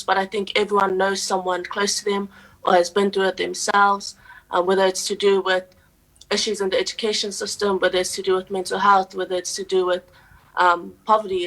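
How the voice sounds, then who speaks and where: Earnest young New woman, flat delivery. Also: medium pitch, low-quality recording. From New Zealand. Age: young adult. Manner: earnest and steady, with frequent "um" pauses. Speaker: guest, poet and youth advocate. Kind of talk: radio interview answers.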